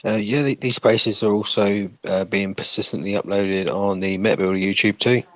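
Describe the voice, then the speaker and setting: A man with a fairly low voice co-hosts a casual chat and banters in a friendly way. He calls people mate. His voice sounds close and dry. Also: steady tone, moderate pace, no echo. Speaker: co-host.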